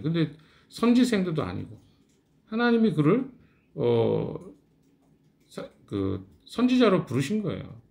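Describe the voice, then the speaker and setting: A man's voice: mid-range voice, gravelly, darkish tone. A middle-aged male pastor leading a morning devotional Bible study, talking conversationally and answering his own questions.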